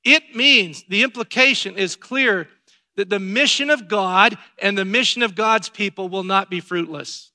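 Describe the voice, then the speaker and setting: Man preaching, emphatic sermon delivery, high voice, very bright tone. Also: unhurried. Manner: emphatic, rising to loud exhortation. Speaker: pastor.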